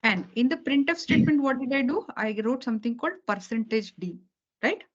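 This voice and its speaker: Over a video call, a woman with a slightly high, husky voice teaches a beginner programming lesson in a brisk, expressive way. She is patient and repetitive, going back over key points and checking understanding with "okay" and "right" after almost every sentence. The call audio is dull and lo-fi.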